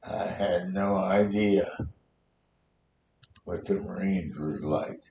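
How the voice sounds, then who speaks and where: An American man in his nineties, a war veteran, telling his memories in a halting, rambling old-timer way during an oral history interview. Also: vocal fry, darkish tone. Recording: roomy echo, faint noise and rumble.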